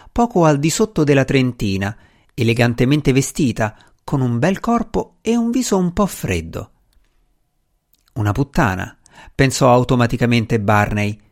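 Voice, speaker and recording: A man reading a novel aloud as a narrator, giving the characters' dialogue small changes of voice. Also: medium pitch. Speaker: audiobook narrator. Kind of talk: scripted narration.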